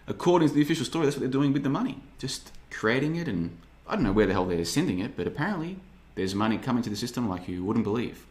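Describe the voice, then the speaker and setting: This podcast host, a man in his thirties, races through the live chat with few pauses, his medium-pitched, darkish voice swinging widely in pitch. The casual monologue is rambling and sarcastic, punctuated by mocking voices.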